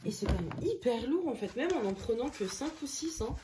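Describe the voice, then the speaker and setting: A woman's voice: a little high, animated, a little fast, background noise. A woman chatting casually to her viewers while sorting craft canvases, thinking aloud and joking at her own expense. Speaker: crafting vlogger. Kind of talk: casual chat. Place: at home.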